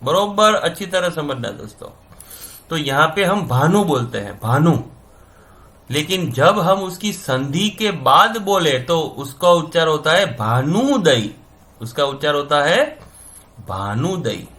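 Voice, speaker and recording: A man teaching Sanskrit grammar in Hindi, saying each sound slowly, repeating it, and checking that his students follow. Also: a little high, sharp tone. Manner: repeats sounds slowly, checks understanding with "समझ में आ रहा है ना?". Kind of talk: classroom-style explanation.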